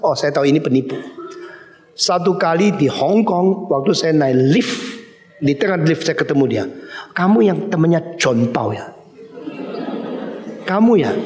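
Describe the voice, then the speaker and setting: An older man from Indonesia preaching a sermon as pastor, animated storytelling that acts out dialogue with sudden high bursts. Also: reverberant.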